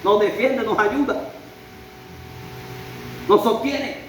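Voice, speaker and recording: A man's voice: very high-pitched, slow, a bit bright. A man preaching a sermon, emphatic and full of rhetorical questions and a repeated refrain. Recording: very echoey church hall, faint noise.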